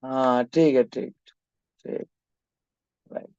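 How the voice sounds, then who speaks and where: A man's voice: medium pitch, fairly even intonation, slow, darkish tone, smooth, dry recording. A man teaching a maths class and chatting with students, urging them to hurry up and answer. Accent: Hindi-speaking, from north India. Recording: dull dry classroom recording.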